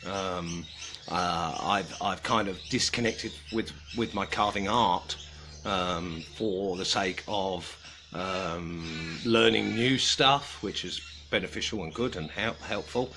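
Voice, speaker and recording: Greeting viewers on a casual livestream, the host of a carving group, an Australian man with a British accent, sounds subdued and halting, pausing and restarting often. His low-pitched voice is bright and forceful, with slight hiss or hum in the audio.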